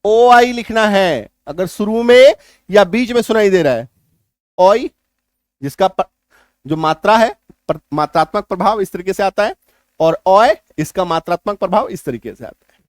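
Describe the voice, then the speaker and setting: A man's voice: sits high, expressive, normal speed, pauses often, darkish tone, no echo, studio quality. A man teaching an English spelling lesson, often repeating points and checking if the class understands.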